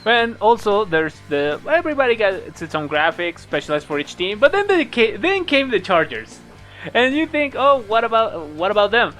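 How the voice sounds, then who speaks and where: A man's voice: sits high, very animated, normal speed, a bit bright, soft background music. A man from Mexico with a Mexican accent, co-hosting a podcast and telling stories in casual chat, laughing often. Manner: laughs often, rambling storytelling. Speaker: podcast co-host.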